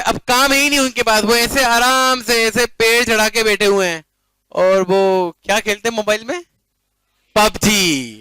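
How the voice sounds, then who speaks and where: A man's voice: very high-pitched, sharp tone, smooth, dry recording, low-quality recording. A male commerce teacher lecturing a class playfully, often checking that students follow and mixing English phrases into his talk.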